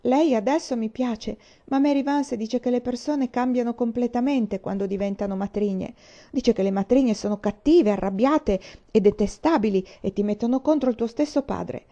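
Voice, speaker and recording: Brief: anxious young girl, tremulous and hushed, put on by a female audiobook reader, soft mellow tone. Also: fairly high pitch, normal speed, highs cut off, voice pushed up, natural voice. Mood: worried. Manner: trembling, hushed.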